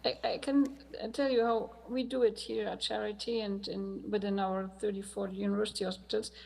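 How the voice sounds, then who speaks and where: A woman speaking as a conference panelist, explaining technical matters and pausing on fillers. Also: mid-range voice, flat delivery, creaky, a little mellow.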